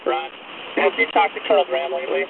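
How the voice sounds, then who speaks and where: Pilot guy on helmet radio, gravelly voice, tinny crackly line with static. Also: on the high side, quick pace. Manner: calm, procedural, uses radio codes. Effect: helmet radio transmission. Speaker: military pilot in flight. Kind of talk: clipped military radio talk.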